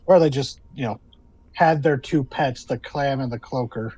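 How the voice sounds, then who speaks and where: A man's voice: mid-range voice, moderate pace, background noise. A man narrating a tabletop role-playing game as game master, describing scenes in a conversational way with asides.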